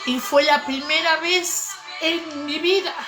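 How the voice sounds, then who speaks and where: Fervent woman preacher, high voice, slow pleading testimony over music. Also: fairly even intonation, poor audio. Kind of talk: emotional faith testimony.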